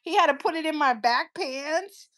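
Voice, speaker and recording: Woman in her fifties, live-stream host, blunt and chatty, slightly high voice, phone mic at arm's length. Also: normal speed, a bit bright. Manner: chatty, blunt, laughs easily. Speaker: cooking channel host. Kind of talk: casual live-stream chat. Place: living room at home. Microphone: phone held at arm's length.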